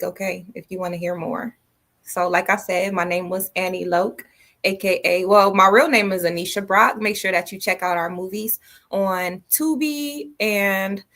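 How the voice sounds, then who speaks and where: A woman hosts a podcast in a casual, unfiltered way. She speaks in a mid-range voice, slangy and playful, and she swears freely. The chat runs loose and relaxed. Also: medium pitch. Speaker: podcast host.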